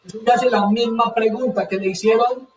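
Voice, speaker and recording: A man's voice: very high voice, fairly even intonation, moderate pace, recorded from a distance, a little hiss or hum. A man preaching a sermon with fervor, hammering his points by repeating them. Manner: fervent, repeats phrases for emphasis. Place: church hall. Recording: dull echoey church sound from afar.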